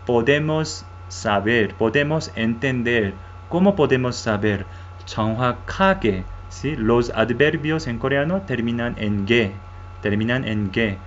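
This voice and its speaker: In a muffled recording with faint hiss or hum, a medium-pitched man whose native tongue is Korean gives a lesson in Spanish. He stumbles along, repeats words, and frequently checks in with "¿sí?".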